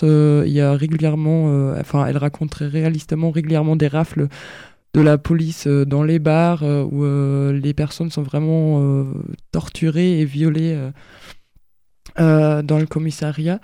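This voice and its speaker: A man's voice: fairly high pitch, dark tone, clean tone, dry recording. A man presenting a book in a casual way, hesitant and full of fillers before he reads extracts aloud. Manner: hesitant, many fillers and restarts. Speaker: book reader and reviewer.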